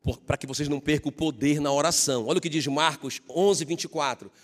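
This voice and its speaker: A male pastor preaching a sermon, animated, acting out questions in a high voice. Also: fast, long reverb tail.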